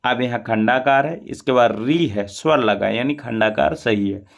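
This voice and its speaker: A man teaching Sanskrit mantra pronunciation, chanting each syllable slowly and at length between explanations. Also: medium pitch, creaky, muffled recording.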